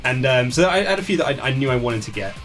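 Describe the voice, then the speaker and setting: This author, being interviewed about his book, has a mid-range, slightly bright voice and an animated, quick delivery. He chats casually and spins lively stories, frequently performing the conversations he quotes, over soft background music.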